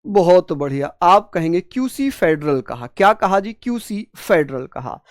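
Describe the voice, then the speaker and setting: A man's voice: high-pitched, animated, unhurried, no echo, studio quality. A male exam-prep teacher giving an online classroom lecture, drilling points over and over, voicing his students' questions and calling them fond names. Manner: repetitive drilling, voices students' questions, fond terms of address.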